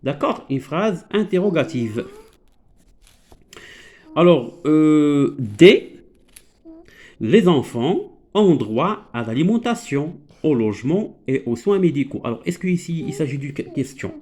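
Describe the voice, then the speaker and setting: Moroccan male teacher, higher voice with an animated lilt, patient "alors"-filled grammar lesson for kids. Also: moderate pace. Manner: switches between French and Moroccan Arabic, explains patiently with many "alors". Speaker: primary school French teacher.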